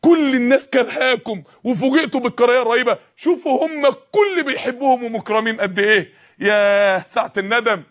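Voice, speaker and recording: A man's voice: very high-pitched, fast, fairly bright tone. A man preaching a sermon with an Egyptian Arabic accent, impassioned and full of rhetorical questions.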